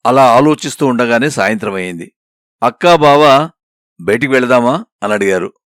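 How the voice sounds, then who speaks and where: A man reading a story aloud as narrator, in an expressive, emotive storytelling manner. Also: medium pitch, normal speed, no room sound, clean studio sound. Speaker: story reader.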